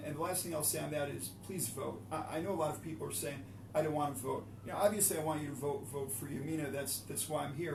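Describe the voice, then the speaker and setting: A man's voice: on the high side, vocal fry. A man, a father of three, speaking as an election candidate in an interview, earnest and pleading, with many fillers. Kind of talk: interview answer. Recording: echoey room, far from mic, noisy.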